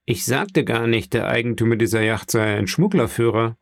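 A man's voice: mid-range voice, normal speed, gravelly, no room sound, clean studio sound, close to an everyday voice. A man voicing a grown sailor who answers respectfully and evasively. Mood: guarded. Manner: respectful, addresses his listener formally. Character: adult male sailor, guarded and evasive.

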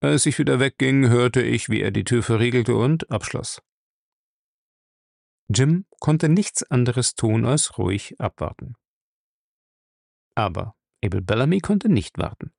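A man reading a novel aloud as narrator, steady and measured. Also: mid-range voice, creaky, no room sound, studio quality. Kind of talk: audiobook reading.

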